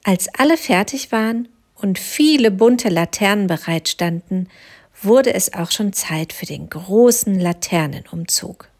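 A woman narrating a children's story in a gentle, expressive way. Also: mid-range voice, measured pace.

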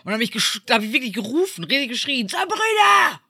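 A woman from Germany co-hosting a podcast in casual chat. She tells stories in a lively way, acts out what people said, and uses many fillers. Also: fairly high pitch, rapid-fire, breathy edge. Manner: lively storyteller who acts out quoted voices, many fillers. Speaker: podcast co-host.

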